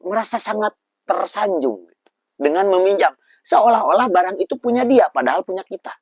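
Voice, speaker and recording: Animated male preacher. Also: sits high, brisk, husky, dry recording. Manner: animated storyteller. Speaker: Islamic preacher guest. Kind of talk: casual religious talk.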